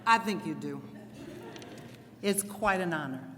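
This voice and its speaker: A middle-aged woman giving a lively keynote speech, playfully leading the audience in call-and-response. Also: fairly low pitch, a little slow. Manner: energetic, playful, commanding the crowd. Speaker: keynote speaker. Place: large hall with audience. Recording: long hall reverb, faint crowd noise.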